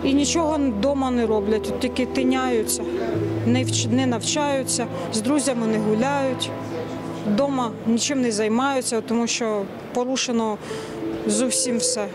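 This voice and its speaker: A woman in her thirties, a refugee at a train station, speaking haltingly and searching for words. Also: on the high side, fairly even intonation, over loud music. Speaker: refugee interviewee. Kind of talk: street interview. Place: outdoor train station platform.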